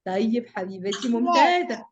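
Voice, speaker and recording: High, sing-song teacher. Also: female voice, sing-song, normal speed. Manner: affectionate, sing-song, encouraging. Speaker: kindergarten teacher. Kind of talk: online class for small children.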